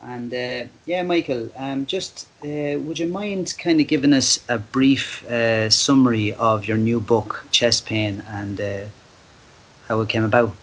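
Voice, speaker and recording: A man with an Irish accent hosting a casual podcast interview, often halting as he searches for words. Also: medium pitch, fairly bright tone, rough recording. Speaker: podcast host.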